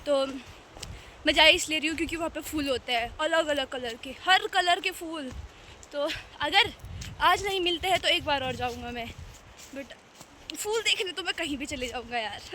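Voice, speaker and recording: A young woman, worn out from hiking, films a casual vlog on a handheld phone along a riverside mountain trail, chatting and teasing herself. She speaks unhurriedly in a high, expressive voice that's pushed and bright, with long pauses and a faint river sound in the background.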